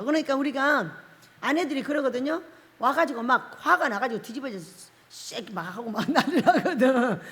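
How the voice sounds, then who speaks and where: A woman pastor with a fairly high voice preaches in a storytelling way, often breaking into laughter and acting out what people said. Her voice rings with a long reverb, as if she were in a church sanctuary. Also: fairly bright tone. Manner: chatty storytelling sermon with frequent laughter and acted quotes. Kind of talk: sermon. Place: prayer-house church sanctuary.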